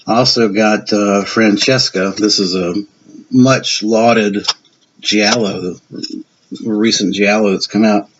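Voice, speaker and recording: A man's voice: fairly low pitch, fairly even intonation, slow. Older Southern man, chatty collector. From Virginia, USA. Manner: chatty, rambling, self-deprecating. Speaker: collector showing his film pickups. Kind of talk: casual show-and-tell vlog. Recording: dull lo-fi sound with faint hiss.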